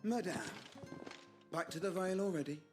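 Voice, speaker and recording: An actor voicing a rude, hostile male guard in a video game cutscene, gruff and contemptuous. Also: high voice, normal speed, soft background music, close to an everyday voice.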